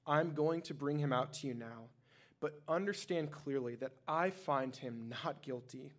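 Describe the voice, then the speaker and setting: A man's voice: on the high side, unhurried, natural voice. A man reading the lines of a stern Roman governor in a scripture reading, with a questioning, slightly raised delivery.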